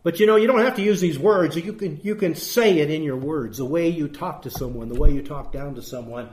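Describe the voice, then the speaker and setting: A man's voice: fairly high pitch, brisk, a little mellow, slight background noise. A man preaching a sermon as pastor, emphatic and putting rhetorical questions to his congregation. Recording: echoey room.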